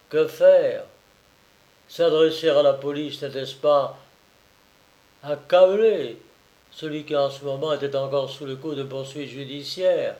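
Expressive male audiobook narrator. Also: a little high, reverberant, poor audio. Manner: expressive, theatrical delivery. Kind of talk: dramatic reading of a novel.

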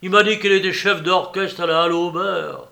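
A man reading aloud voices an irascible male concierge who shouts and blusters in a storybook. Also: high-pitched, fairly even intonation, normal speed, creaky, voice pushed up, full character voice. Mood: furious. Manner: loud, furious, blustering.

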